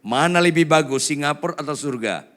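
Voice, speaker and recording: A male pastor preaching a lively sermon, swinging between loud cries and hushed asides while urging the congregation to answer louder. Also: fairly high pitch, fairly quick. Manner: quizzes the congregation and urges them to answer louder.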